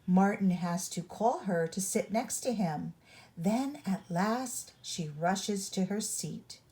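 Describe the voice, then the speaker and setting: Reading to young listeners, this storyteller uses a warm, medium-pitched voice and deliberate, instructive phrasing meant for reading along with a picture book.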